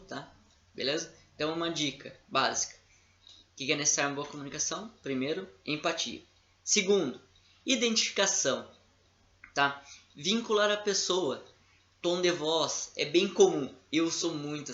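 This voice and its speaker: A man's voice: a little high, bright, forceful tone. A man with a Brazilian accent giving a casual lecture as an instructor, often checking in with his listeners. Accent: Brazilian Portuguese. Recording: echoey room, dull lo-fi sound.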